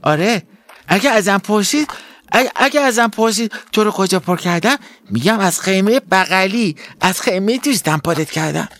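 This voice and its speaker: A man putting on a high-pitched little girl for a children's storybook, nervous and stammering, tripping over her words. The voice sits very high and close, with a dry, dead sound. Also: lively intonation, a bit bright, no room sound. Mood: worried. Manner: stammering, hurried.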